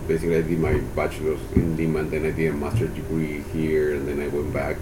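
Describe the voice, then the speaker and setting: A man in his sixties from Peru, a Spanish speaker answering oral history questions about his life in a halting way with many restarts. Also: very deep voice. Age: 60s. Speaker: interviewee, university economist. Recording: steady background hiss.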